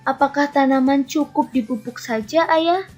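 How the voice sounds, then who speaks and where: A woman's voice: high voice, normal speed, darkish tone, natural voice. A woman teacher reading a curious young schoolgirl's lines in a slightly raised voice. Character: young schoolgirl asking her father questions. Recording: lo-fi recording with faint music.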